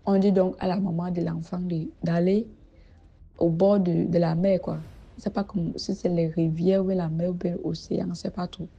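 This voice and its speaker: Woman, casual storytelling, hesitant and repetitive, lower voice, dull lo-fi sound. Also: flat delivery, moderate pace, vocal fry, mellow. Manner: hesitant, repeats words and restarts phrases. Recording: dull lo-fi audio with background music.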